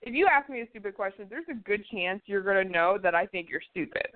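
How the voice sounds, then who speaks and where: A woman's voice: medium pitch, animated, fast talker. A woman co-hosting a podcast in casual chat, telling stories in a blunt, sarcastic way. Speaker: podcast co-host. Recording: tinny phone-like line.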